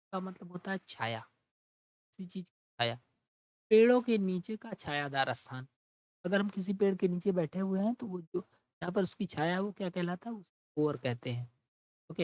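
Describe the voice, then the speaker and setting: A man's voice: high voice, darkish tone, no echo, low-quality recording. Man teaching vocabulary, dry close sound. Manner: explains in Hindi, reads English definitions slowly. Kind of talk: exam-prep vocabulary lesson.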